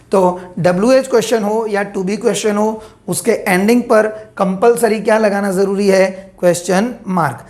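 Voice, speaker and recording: A woman teaching a grammar lesson, dictating example sentences slowly and asking questions she then answers herself. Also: medium pitch, a little mellow.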